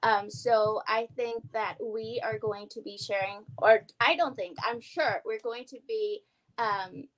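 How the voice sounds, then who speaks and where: A woman's voice: a little high, unhurried, low-quality recording. Upbeat, chatty woman interview guest. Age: young adult. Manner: excited, upbeat, talkative. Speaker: guest, award winner. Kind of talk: casual interview chat.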